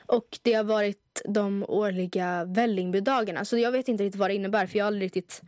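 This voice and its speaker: A young woman co-hosting a podcast, telling stories in a chatty, animated way with lots of fillers. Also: medium pitch, no room sound, studio quality. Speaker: podcast co-host. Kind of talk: casual chat.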